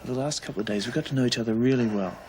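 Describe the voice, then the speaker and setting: An actor playing a friendly young man who gently coaxes a prisoner to open up, in a soothing, persuasive manner. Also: medium pitch, racing, slight background noise, lightly acted. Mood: earnest. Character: friendly young male visitor, gentle and coaxing. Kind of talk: 1980s television drama acting.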